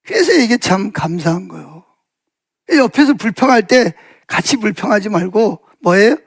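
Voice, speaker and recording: A man preaches a Sunday afternoon sermon with a high-pitched voice that carries a gravelly rasp. He tells stories casually, with many fillers and asides, and lifts his voice to play out what others said. The sound is dry and close. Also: expressive, moderate pace, no echo. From South Korea. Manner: acts out quoted speech with raised pitch. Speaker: pastor.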